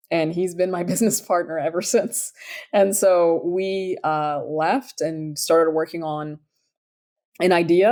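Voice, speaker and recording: A woman in her thirties from Sudan speaks in a low, deep register. She talks through her career in an upbeat, chatty interview style, with plenty of ums and restarts. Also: darkish tone. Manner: upbeat, enthusiastic, frequent fillers. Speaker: startup founder, guest. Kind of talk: conversational interview answers.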